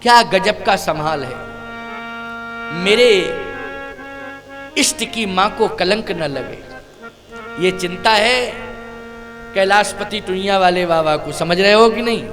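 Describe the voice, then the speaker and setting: A man's voice: sits high, slow, long pauses, over music. A male preacher telling a devotional story in a sermon, chanting verses, acting out dialogue and asking his listeners questions. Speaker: spiritual preacher.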